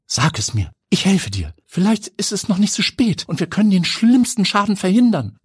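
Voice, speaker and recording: A worried, bossy aunt speaks urgently and pleads, as a man narrator puts her on in a raised voice. The tone stays husky, close and dry. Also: high voice, sing-song, moderate pace, no echo, voice pushed up, full character voice. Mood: pleading. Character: worried middle-aged aunt, quick, commanding.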